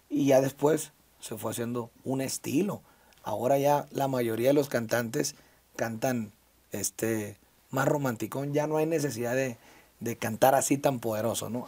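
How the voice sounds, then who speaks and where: A man's voice: medium pitch, darkish tone. Man, 30s, Sinaloa Mexican accent, interview guest, reflective, hesitant fillers. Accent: Mexican Spanish, Sinaloa. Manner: reflective, frequent fillers and restarts. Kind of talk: casual conversational interview.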